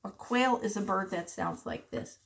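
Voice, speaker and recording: A woman preschool teacher, medium in pitch, reads the alphabet to children. Her delivery is simple, deliberate and sing-song, and she asks questions as she goes.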